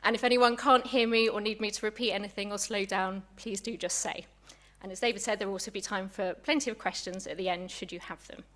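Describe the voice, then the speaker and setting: A woman's voice: medium pitch, steady tone, fast talker, few pauses, a bit bright. A young woman delivers a public lecture as a museum curator. She is a little out of breath and keeps a chatty, friendly tone, with apologetic asides to the room. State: slightly out of breath.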